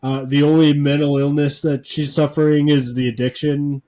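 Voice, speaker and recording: Deadpan sarcastic man on a podcast. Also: a little high, normal speed. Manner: deadpan sarcastic, many filler words. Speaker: podcast co-host. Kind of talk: casual sarcastic podcast chat.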